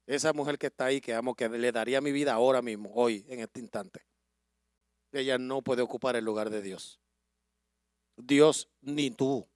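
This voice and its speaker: Impassioned middle-aged pastor. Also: male voice, mid-range voice, clean tone, dry recording, clean studio sound. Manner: emotional storytelling that builds to impassioned loud preaching. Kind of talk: sermon.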